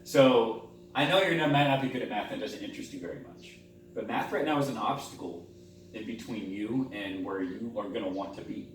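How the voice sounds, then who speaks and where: A man speaking as a school counselor in a role-play conversation, calm and reassuring like a therapist, rephrasing as he goes. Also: on the low side, a little fast. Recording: very echoey room, distant mic, faint hum.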